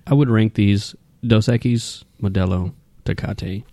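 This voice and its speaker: A man's voice: lowish voice, fairly even intonation, a little slow, warm tone, no room sound. A man co-hosting a casual beer-tasting podcast, chatting and trading dry remarks. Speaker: podcast co-host.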